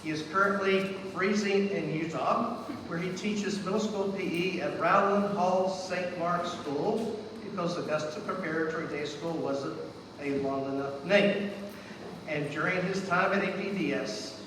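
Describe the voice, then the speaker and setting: A man presents an award, reading his speech with jokes and small stumbles. His voice sits a touch high and comes from far off the mic, echoing around a big hall. Steady noise hangs in the room. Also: a little slow. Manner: joking, stumbling while reading. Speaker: ceremony presenter. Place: event hall indoors. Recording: echoey hall from far off, noisy.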